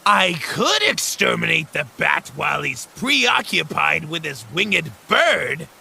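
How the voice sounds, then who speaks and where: A man's voice: on the high side, sing-song, slow, creaky, bright, forceful tone, slightly rough, exaggerated voice. A man playing a gleeful maniac clown villain in a comic dub, gloating theatrically in a sing-song way. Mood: manic glee.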